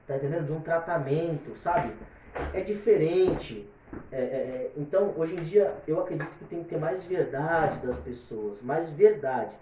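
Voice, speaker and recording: A guest singer from São chats casually on a podcast, offering opinions in a rambling way packed with repeated fillers. He speaks at normal speed in a fairly high, dark-toned voice, recorded in a very echoey room with a distant mic and a little hiss or hum.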